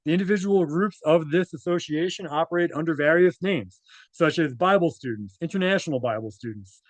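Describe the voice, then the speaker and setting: Here a man with a somewhat high voice moves briskly through documents he's reading aloud, chatting informally along the way. He habitually adds "right?" to his points, and the recording has no echo.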